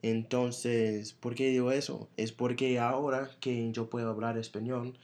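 A man with an American accent, a native English speaker, co-hosting a casual chat and often pausing to search for words. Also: mid-range voice, level tone, darkish tone. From United States. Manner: hesitant, searching for words as a learner. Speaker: podcast co-host. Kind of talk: casual conversation.

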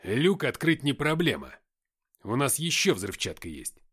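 A man voicing a loud, gruff male soldier who barks his lines. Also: mid-range voice, big pitch swings, a little slow, pitched above the performer's own voice, exaggerated voice.

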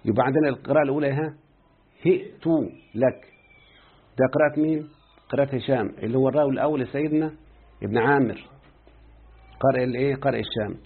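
A man with an Egyptian Arabic accent teaches a grammar lesson, quizzing his student again and again and repeating words slowly. His medium-pitched voice has a breathy edge and comes through a tinny, phone-like line.

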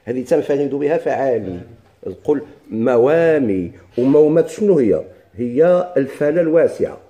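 A man with a Moroccan Arabic accent teaching a grammar lesson, repeating each word slowly for his students. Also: fairly high pitch, dark tone. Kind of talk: classroom lesson.

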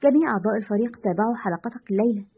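A woman's voice: mid-range voice, expressive, racing, breathy edge. Woman reading as a bored, sulky witch. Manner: sulky and teasing. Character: bored, sharp-tongued young woman witch. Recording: dull lo-fi recording.

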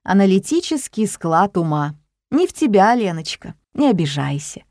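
A woman's voice: mid-range voice, sing-song, normal speed, a little mellow, no room sound, studio quality. A woman doing a fussy, theatrical grandmother. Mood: dry. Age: older. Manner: dramatic, gasping, fond of odd pronouncements.

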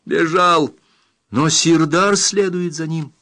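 A man's voice: on the high side, steady tone, slow pace, bright, forceful tone, voice pushed up, exaggerated voice. A man reading aloud, voicing a brave young woman with a raised, urgent, pleading voice in an audiobook. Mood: earnest.

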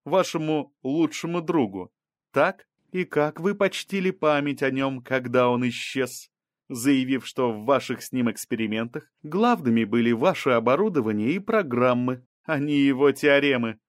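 A man reading an audiobook, voicing a mocking, aggressive female prosecutor who presses and rises to shouts. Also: mid-range voice, normal speed, dry recording, clean studio sound, natural voice.

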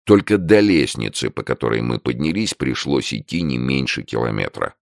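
A man narrating a first-person crime story as an audiobook, in a measured, dry storytelling manner. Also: a bass voice, sing-song, creaky, no echo.

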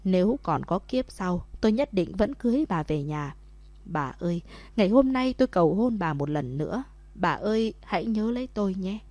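A woman's voice: mid-range voice, expressive, moderate pace, dark tone, no echo, lightly acted. A woman reading the lines of an older man tenderly proposing again to his wife in a storybook. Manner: tender, heartfelt.

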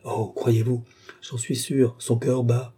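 A man's voice: mid-range voice, little pitch movement, takes it slowly, dark tone, slightly rough, pitched above the performer's own voice. A man voicing a desperate young nobleman. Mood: urgent. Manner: resolute, then desperate. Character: young nobleman desperately seeking his sister.

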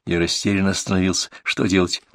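Male audiobook narrator, gravelly, tense storytelling, dry close booth. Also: low-pitched, level tone, quick pace, a bit bright, no room sound. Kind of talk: first-person audiobook narration.

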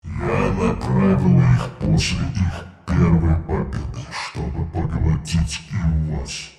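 A man voicing a cold, menacing ancient female entity who speaks slowly and detachedly, with an echo effect on the voice. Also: extremely low pitch, wildly swooping pitch, creaky, dark tone, voice pushed down, heavily acted. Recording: echoey with faint music.

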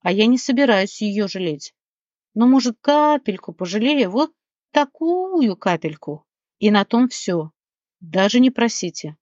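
A woman's voice: medium pitch, sing-song, unhurried, a little mellow, dry recording. A woman reading an audiobook, voicing a greedy male gnome who squeals and shrieks. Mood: grumbling. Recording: dry, slightly muffled recording.

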